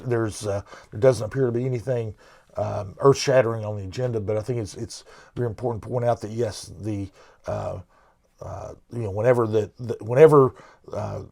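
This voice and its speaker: A man's voice: medium pitch, gravelly, warm tone. A middle-aged man co-hosting a local news podcast, talking casually with many restarts and fillers. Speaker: podcast co-host.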